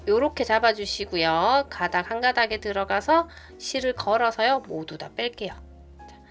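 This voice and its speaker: A woman with a fairly high voice leads a step-by-step crochet lesson. She speaks patiently and gently, counting stitches out loud as she works. Soft music plays faintly behind her. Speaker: knitting tutorial host. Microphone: phone camera. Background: soft background music.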